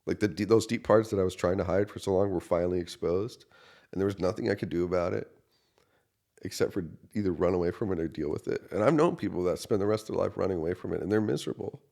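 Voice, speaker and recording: A man in his thirties, a pastor, earnestly telling a personal story in a podcast interview, going from quiet to loud. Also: low voice, quick pace, vocal fry. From United States. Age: 30s. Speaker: associate pastor.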